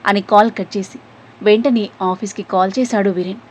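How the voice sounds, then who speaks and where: A woman narrates an emotional serialized story with a breathy, airy tone. She carries the plot along and slips into the characters' lines as she goes. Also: medium pitch, fairly even intonation, brisk. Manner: voices the characters' quoted lines herself.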